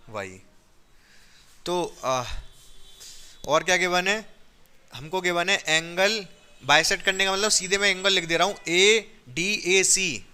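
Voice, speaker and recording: Male maths teacher, clear resonant voice, repetitive and encouraging, always asking if students follow. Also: sits high, bright, forceful tone. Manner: coaxing, checks understanding often; repetitive, stresses reasons. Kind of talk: classroom maths lesson.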